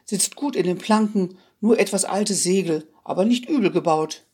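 A reader plays an old ship captain pressing food on his only passenger. The voice is a touch husky. He is blunt and sociable. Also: mid-range voice, moderate pace, a little mellow, lightly acted. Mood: appraising. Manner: urging, offering food. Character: gruff old male ship captain, hospitable.

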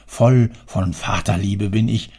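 A man voicing a gruff, domineering older male factory owner who scolds loudly and sarcastically. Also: fairly low pitch, moderate pace. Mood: scolding.

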